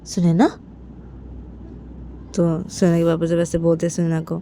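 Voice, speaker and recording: A woman's voice: fairly low pitch, completely flat delivery, fast talker, mellow, a little hiss or hum. A woman narrating a casual spoken story in a loose, rambling way between the dialogue.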